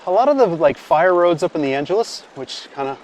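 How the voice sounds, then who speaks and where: A man who founded a bike company, answering interview questions outdoors while riding, relaxed and thoughtful. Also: on the high side, a little fast, slight background noise. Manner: relaxed, thoughtful, with fillers and restarts.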